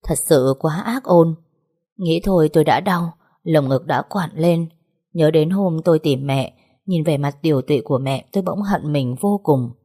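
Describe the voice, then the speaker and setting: A woman narrates a first-person audiobook story. Her voice is low and dark with a husky, breathy texture. She reads in a slow, mournful way.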